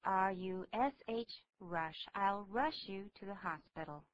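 A woman co-hosting a radio English lesson, reading the model dialogues clearly and carefully. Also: medium pitch, takes it slowly. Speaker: English-speaking co-host. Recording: dull old radio recording with faint hum.

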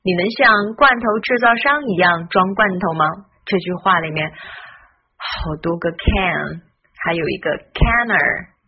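A woman teaches pronunciation in an unhurried, deliberate way, stretching out sounds so they can be copied. Her voice is somewhat husky. The recording is a little dull and muffled. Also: on the low side, animated. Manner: patient, drills sounds slowly and repeatedly. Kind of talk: pronunciation lesson.

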